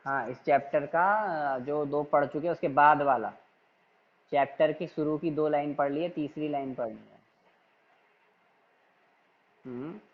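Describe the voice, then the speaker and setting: Slow-talking male teacher on a lo-fi call. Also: a little high. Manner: patient but insistent, repeats corrections. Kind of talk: online class, correcting students' reading. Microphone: video call.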